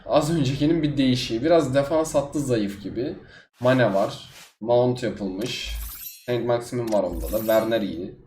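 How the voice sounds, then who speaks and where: A man giving live commentary on his own gameplay as a gaming YouTuber, swinging between low muttering and sudden outbursts. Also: moderate pace, a little mellow, slight background noise. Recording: echoey room with faint music.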